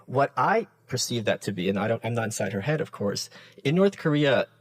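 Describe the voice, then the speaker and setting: A man from the Soviet Union, a podcast guest in casual conversation, telling stories in a lively way and acting out the quoted lines. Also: medium pitch, a little fast, dry recording, poor audio. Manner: animated storyteller who acts out quoted dialogue.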